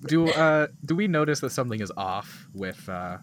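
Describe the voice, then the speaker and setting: A man playing a tabletop role-playing game, hesitant and halting. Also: medium pitch, animated, slight background noise. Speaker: player.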